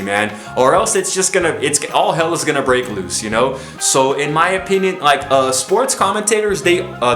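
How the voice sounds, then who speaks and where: His voice leans high and sharp, ringing with reverb as he records himself on a camera mic. The Brazilian vlogger shares his opinions casually and chattily, often saying "you know," and comes across tired and short on energy.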